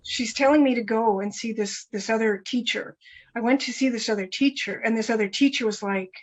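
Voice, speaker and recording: A woman talks through a personal story as an interview guest, her voice sitting a little high. She is animated, restarts and repeats phrases, and slips into the voices of the people she quotes. The recording sounds dull and a bit lo-fi. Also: fairly quick. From Canada.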